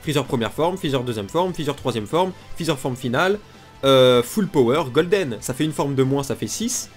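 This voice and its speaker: A gaming video creator, congested from a pollen allergy, gripes bluntly and informally in unscripted commentary with music behind him. His medium-pitched voice is nasal and blocked-sounding, animated, and at a normal speed.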